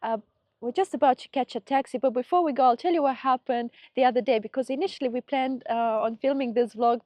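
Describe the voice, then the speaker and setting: A travel vlogger talks casually to camera, explaining things to viewers while a slight head cold leaves her voice a bit off. She speaks fast in a high, mellow voice, captured on a dry recording.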